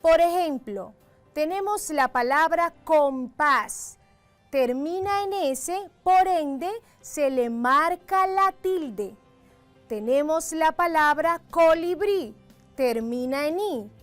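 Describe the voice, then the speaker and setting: A Dominican-accented woman teacher with a fairly high voice works through a lesson at an unhurried, deliberate pace. She explains each point carefully, leaning on syllables to show the stress. Soft music plays faintly underneath. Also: expressive. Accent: Dominican Spanish. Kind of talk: educational lesson.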